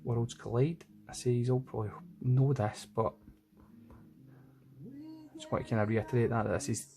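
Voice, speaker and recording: Speaking with a Scottish accent, a man casually comments on his own drawing as he works, musing aloud for an art vlog. His voice is mid-range, creaky, and dark-toned, with a steady delivery at moderate speed, and music plays behind him.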